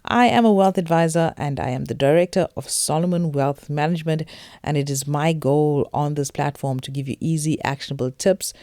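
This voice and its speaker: A woman's voice: low voice, fairly quick, warm tone, no echo, clean studio sound. A woman from South Africa with a Durban Indian English accent, hosting a podcast in an emphatic, conversational way and addressing listeners directly. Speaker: podcast host. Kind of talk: conversational financial podcast presenting.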